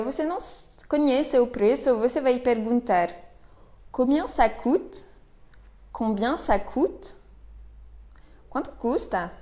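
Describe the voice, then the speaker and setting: Slow, mellow-voiced woman teaching phrases. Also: fairly high pitch. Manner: patient, repeats each phrase slowly. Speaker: language teacher. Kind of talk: slow spoken lesson with repeated phrases.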